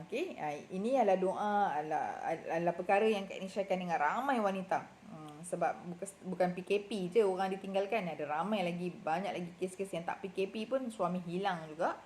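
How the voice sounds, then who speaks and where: A woman's voice: mid-range voice, fairly quick, darkish tone, a little hiss or hum. A middle-aged woman with a Malaysian Malay accent gives casual marriage advice, talking in a chatty way full of fillers and self-corrections. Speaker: marriage and relationship advisor.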